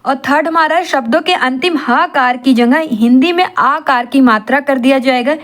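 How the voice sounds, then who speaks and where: A woman's voice: sits high, moderate pace, fairly bright tone. A woman tutoring for an exam in Hindi, asking rhetorical questions and answering them herself, mixing in English terms. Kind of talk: classroom-style exam lesson.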